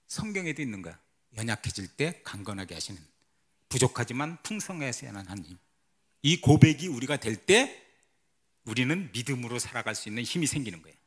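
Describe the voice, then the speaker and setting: A man's voice: mid-range voice, a bit bright. A man who is a missionary pastor, giving a testimony sermon at a church service, telling his story dramatically and asking the congregation questions. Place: church sanctuary.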